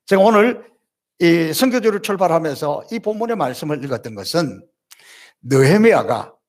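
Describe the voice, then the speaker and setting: A man's voice: a little high, big pitch swings, moderate pace, a little mellow. A middle-aged man, a senior pastor, delivering a Sunday sermon with repeated building phrases and rhetorical questions.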